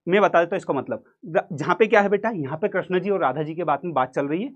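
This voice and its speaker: A man's voice: on the high side, fast talker, lo-fi sound. A man teaching an exam-prep literature lesson in a playful, joking way with a central Indian Hindi accent, acting out quotes and singing snippets. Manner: playful, jokey, acts out quotes and sings snippets.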